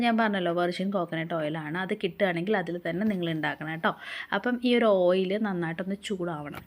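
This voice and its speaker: A woman from Kerala, hoarse from a cough, explaining a home remedy step by step in a chatty, reassuring way. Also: fairly low pitch. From Kerala, India. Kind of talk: casual home tutorial.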